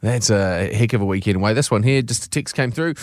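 A man's voice: on the low side, fast talker, no room sound, studio quality. A man with a New Zealand accent co-hosting a radio show, bantering casually in blokey, colourful slang.

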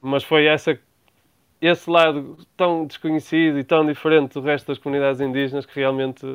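His voice is a little high, clear and resonant, with little pitch movement and a fairly quick pace, and there's no room sound. He's a man from Portugal in his thirties, a traveling guest with a European Portuguese accent who answers interview questions thoughtfully and often restarts.

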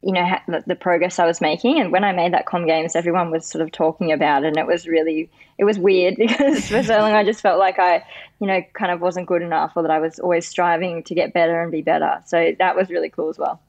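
A woman's voice: fairly low pitch, fairly even intonation, quick pace, dry recording. Modest laughing Australian woman, dry sound. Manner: laughs often, soft and modest. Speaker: guest athlete. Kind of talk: casual interview answers.

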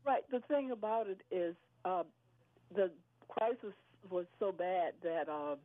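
A woman calling in over the phone, talking in a halting, hesitant way with many restarts. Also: lowish voice, expressive, no echo. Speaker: caller. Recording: tinny phone line, dry.

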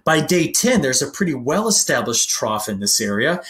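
A man giving an agricultural weather briefing, explaining maps in an animated, pointing way. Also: medium pitch, moderate pace. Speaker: weather forecaster.

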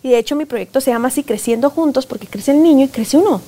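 A woman, speaking as a guest expert in a conversational interview, animated and often acting out parents and children. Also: sits high, quick pace. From Guatemala. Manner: animated, acts out parents and children in quoted voices. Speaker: positive discipline expert guest.

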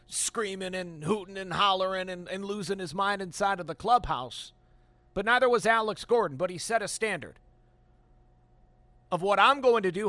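A man hosting a postgame sports radio call-in show, talking in an animated, emphatic way with fillers and restarts. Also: high voice, no echo. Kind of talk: sports talk radio, opinionated analysis.

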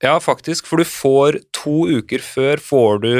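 A man's voice: medium pitch, a little mellow, no echo, studio quality. A man in his thirties chatting as a podcast guest, reflective and hesitant with frequent fillers. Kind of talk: casual conversation.

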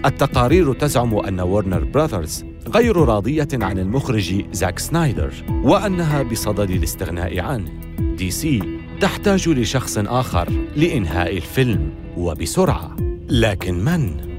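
A man's voice: on the low side, very animated, moderate pace, music in the background. A man reading scripted documentary narration with a dramatic, storytelling delivery.

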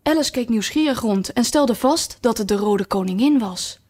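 A woman narrating a children's story aloud in a calm, even reading manner. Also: a little high, moderate pace. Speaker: audiobook narrator.

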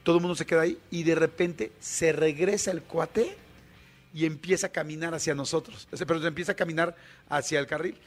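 Mexican man, higher-pitched storyteller. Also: brisk. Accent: Mexican Spanish. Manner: colloquial, animated storyteller with many fillers. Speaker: radio guest. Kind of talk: storytelling in a radio interview.

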